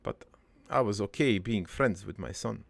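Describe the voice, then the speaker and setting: A man voices the crude yet wistful ghost of an old cartoon father, rambling through his life story in a halting, improvised monologue. His voice is lowish, gravelly and creaky, recorded with no room sound.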